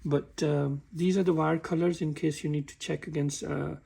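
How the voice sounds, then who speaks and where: A man walking through a car repair in a halting, casual way, often stumbling and restarting his sentences. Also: fairly high pitch, steady tone, creaky, dark tone, husky. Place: workshop with a work table.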